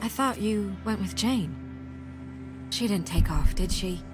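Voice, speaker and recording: An actress voicing a wary, sharp-tongued young woman survivor in a video game, over clear game music. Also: medium pitch, measured pace, natural voice.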